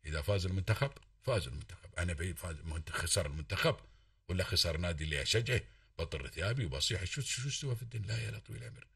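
Man, Emirati accent, radio caller, very fast, fervent, swears oaths, far from the mic. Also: sits low, lively intonation, creaky, a bit bright, no echo, studio quality. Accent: Emirati Arabic. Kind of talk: impassioned call-in talk.

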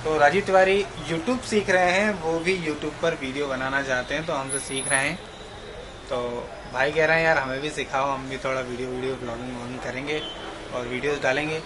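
A man's voice: mid-range voice, fairly even intonation, fairly quick. A man in his thirties vlogging casually as he travels, talking straight to his viewers, recorded in a car on an action camera held at arm's length. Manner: chatty, addresses viewers directly. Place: inside a car on a highway. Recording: road and car noise behind.

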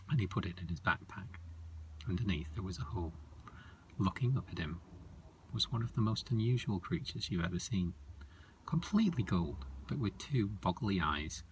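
A man narrating a children's story softly and slowly, often dropping into a whisper. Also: low-pitched, slight background noise. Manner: slow, soft, often whispery.

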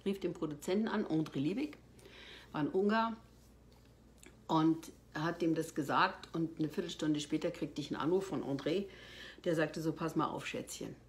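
A woman with a somewhat low voice recounts stories from a film set. Her delivery is theatrical: she swells to loud exclamations, then sinks to quiet, breathy asides. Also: normal speed, a little hiss or hum. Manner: expressive, swings from loud outbursts to hushed near-whispers. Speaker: actress telling behind-the-scenes stories. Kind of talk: animated anecdotal storytelling.

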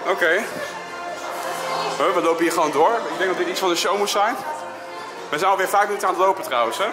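A man with a slightly high voice talks casually to his vlog audience as he walks outside. He is chatty and informal, freely giving his opinions. Music plays clearly behind him. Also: fast talker, crowd noise. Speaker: vlogger. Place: outdoors walking around an amusement park.

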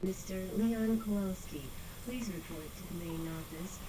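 A woman playing a corporate announcer who pages staff over a PA system in a calm, formal, measured way. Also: mid-range voice, heavy background noise. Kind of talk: student film scene.

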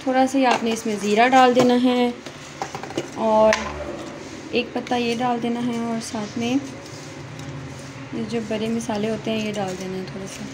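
Holding her phone in hand, a woman walks viewers through a recipe step by step in a chatty way from her home kitchen. She speaks at a measured pace with a fairly high pitch, flat delivery and long pauses. Behind her, loud frying sizzles and stirring fill the noisy background.

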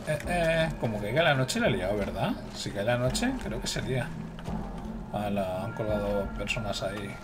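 Over music, a man with a fairly low voice and moderate pace plays a video game while giving chatty, exclamatory commentary to his viewers. He's a streamer doing casual gameplay talk.

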